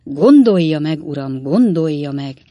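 A small, anxious lawyer, as a narrator puts him on murmurs and placates, soft and deliberate. The recording is dry and close. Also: mid-range voice, animated, dry recording, lo-fi sound, lightly acted. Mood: placating. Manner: placating, soothing, hushed.

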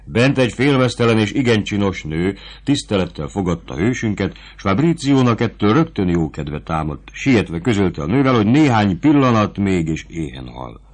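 Male narrator, low voice, measured, scripted novel reading. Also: big pitch swings. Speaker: audiobook narrator.

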